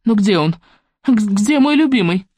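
A reader voicing a young, gentle princess in an audiobook fairy tale, high and pleading. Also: expressive, moderate pace, breathy edge, dry recording. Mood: anxious.

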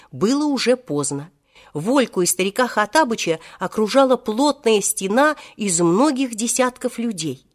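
An expressive woman reading a children's tale aloud, at mid pitch. The telling is lively and animated, as in an audiobook. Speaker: narrator.

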